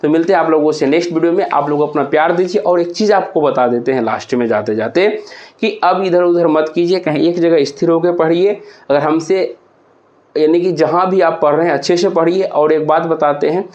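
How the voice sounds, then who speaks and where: Guy teaching exam revision, spells words out letter by letter, slightly high voice, muffled audio. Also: a little mellow. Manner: spells words letter by letter slowly, addresses students as bhaiya.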